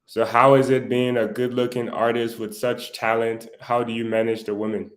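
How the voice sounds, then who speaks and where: A man's voice: mid-range voice, normal speed. A man hosting a live online talk show, interviewing a guest and chatting casually to viewers. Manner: relaxed, conversational, filling time to camera.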